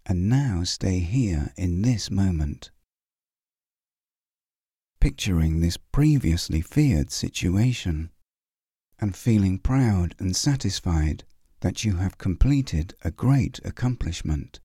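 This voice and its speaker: A man leading a guided visualization meditation in a calm, soothing way, with long pauses. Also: sits low, breathy edge, no room sound, studio quality.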